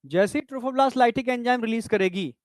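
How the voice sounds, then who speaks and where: His voice is very high-pitched and a little fast as he lectures a biology class step by step, frequently making sure students understand. He calls them "bhai" and "beta," and the studio-quality recording has no room sound.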